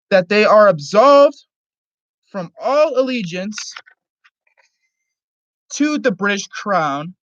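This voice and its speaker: A person giving a solemn, halting reading aloud of a formal historical document. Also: mid-range voice, fairly bright tone, no room sound. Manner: halting, stumbles over words and rereads them. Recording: dull lo-fi recording.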